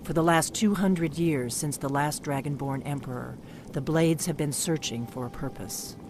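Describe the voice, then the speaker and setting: This is a woman at normal speed voicing a game character: a secretive veteran of an old order of guards, middle-aged, who talks bluntly and conspiratorially in a low, intense way. Game music fills the noisy background.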